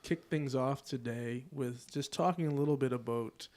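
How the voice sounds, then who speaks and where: A man co-hosting a church podcast, explaining a study in a thoughtful, steady way. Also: mid-range voice, normal speed. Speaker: podcast co-host. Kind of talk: podcast discussion.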